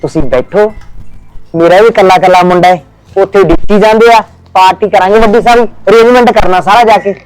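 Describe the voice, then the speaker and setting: Male actor as a high-voiced, hearty Punjabi father of the groom, middle-aged, agreeable village drama. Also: a little fast, clean tone, no echo, soft background music, close to an everyday voice, low-quality recording. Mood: cheerful. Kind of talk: village family drama acting.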